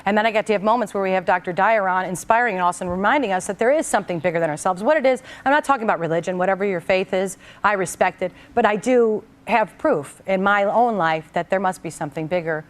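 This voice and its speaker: A woman talk show host telling a personal story to her guest, animated and acting out the voices of the people in it. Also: medium pitch, fast, hardly any pauses.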